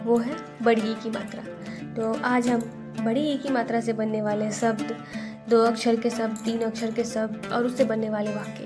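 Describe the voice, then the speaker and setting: A woman teaching a Hindi lesson, sounding out syllables and repeating each word twice. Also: on the high side. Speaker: home tutor teaching Hindi to parents. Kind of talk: slow spelled-out lesson.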